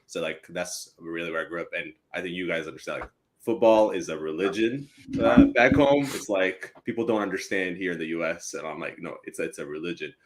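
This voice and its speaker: A man's voice: low voice, fairly quick, a little hiss or hum. A young man from East Africa, a company co-founder chatting casually as a podcast guest with lots of fillers. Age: young adult. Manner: relaxed, rambling with many fillers.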